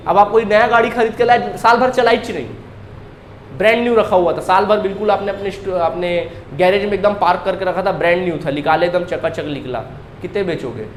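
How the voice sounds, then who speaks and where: In a classroom lecture on accounting, a man talks fairly quickly in a high voice, firing questions at his students and then answering them. Key terms get repeated over and over. Faint hissing ambience sits behind him in an echoey room.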